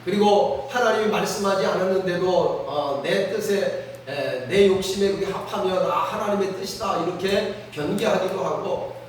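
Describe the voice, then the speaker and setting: High-voiced preaching man in echoey room. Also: normal speed, a little hiss or hum. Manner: earnest preaching with frequent rhetorical "예?" prompts. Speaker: pastor. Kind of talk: sermon. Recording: very echoey room, mic at a distance.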